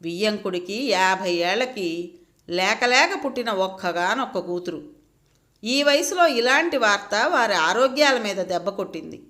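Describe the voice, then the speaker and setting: A woman reads an audio story aloud, expressive and emotive. Her voice is fairly high and bright, with lively rises and falls. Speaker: narrator. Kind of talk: scripted audio-story narration.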